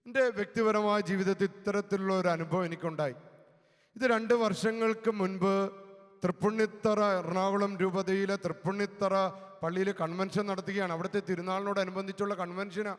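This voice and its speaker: High-voiced Malayali priest preaching in a reverberant space. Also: male voice. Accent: Kerala Malayalam. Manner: slow, emphatic preaching with dramatic drops to soft, low speech. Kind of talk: sermon with personal testimony.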